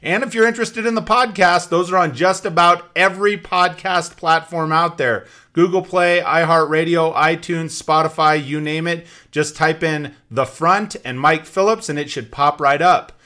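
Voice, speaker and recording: Male host for motivational business talk: slightly high-pitched, bright, emphatic and instructive. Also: steady tone, normal speed, hardly any pauses. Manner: emphatic, instructive, repeats key points. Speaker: show host, sales trainer.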